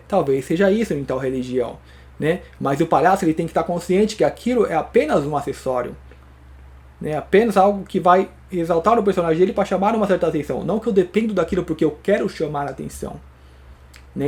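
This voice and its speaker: A man with a slightly high, somewhat mellow voice delivers a reflective spiritual talk. He answers viewer questions and thinks aloud, often using tag questions, in a spoken monologue.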